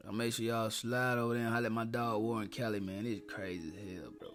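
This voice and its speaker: A man's voice: on the low side, fairly even intonation, quick pace, a bit bright. A young man hosting a reaction video, talking bluntly in street slang with plenty of profanity and telling stories between clips. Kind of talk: casual reaction commentary.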